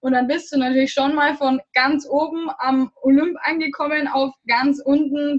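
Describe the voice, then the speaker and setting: A young woman from Germany with a high, bright-sounding voice talks in a loose, rambling way, full of fillers and little laughs. The recording is slightly dull and lo-fi. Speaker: guest. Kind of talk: casual interview chat.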